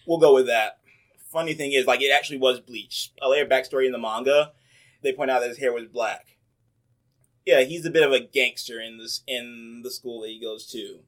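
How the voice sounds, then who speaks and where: A man hosting a casual chat, rambling along in a relaxed way and filling his sentences with "like". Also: mid-range voice, brisk. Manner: chatty, rambling, many "like" fillers.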